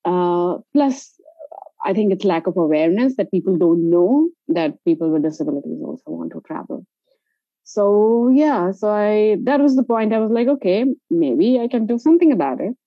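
A woman with an Indian accent and a mid-range, animated voice speaks at a moderate pace with no echo. As a travel company founder being interviewed, she tells personal stories in a conversational, explanatory way, recorded in dull, lo-fi audio.

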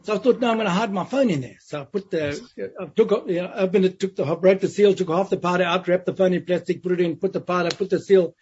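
Male interview guest with a husky, higher-pitched voice, spinning a vivid prison story over a muffled line. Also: quick pace, hardly any pauses, a little mellow. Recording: dull lo-fi sound.

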